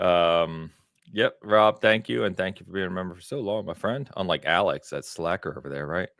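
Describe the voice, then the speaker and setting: An American man hosting a gaming podcast, relaxed and chuckling as he thanks viewers. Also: low voice, normal speed, vocal fry, no echo, studio quality. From United States. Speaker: podcast host. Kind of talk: casual podcast chat.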